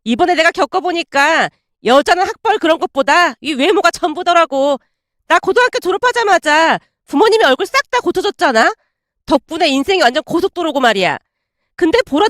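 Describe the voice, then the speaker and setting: A woman puts on a spoiled young bully with a high, swooping voice, condescending and bossy as she taunts. The voice sits close and dry, with no room around it. She talks down to everyone in this audio story. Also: expressive, brisk, fairly bright tone, dry recording. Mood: sneering.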